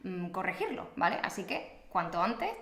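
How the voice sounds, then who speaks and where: A woman's voice: fairly low pitch, big pitch swings, normal speed, a bit bright, a little hiss or hum. A young adult woman from Extremadura in Spain with an Extremaduran accent, a Spanish teacher talking in a chatty, playful and self-mocking way. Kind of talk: casual teaching video. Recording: echoey room.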